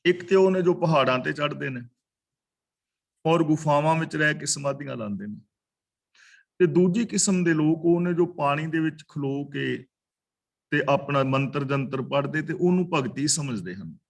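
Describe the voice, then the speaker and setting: A man teaching a scripture class, slowly chanting verses and then explaining them word by word and correcting their pronunciation. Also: a little high, gravelly. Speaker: katha teacher. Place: online class over video call.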